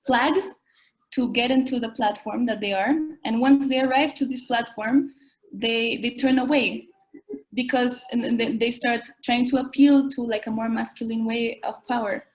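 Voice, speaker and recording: A woman's voice: a little high, fairly even intonation, measured pace, darkish tone, rough recording. A woman, explaining her views as an activist guest in a panel discussion.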